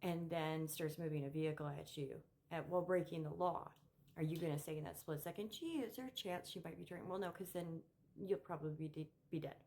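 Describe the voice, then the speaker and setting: A political commentary vlogger, this middle-aged woman talks unscripted to the camera in a low, slightly mellow voice at a somewhat fast pace. She's opinionated and emphatic, halting and repeating words as she builds each point for her viewers.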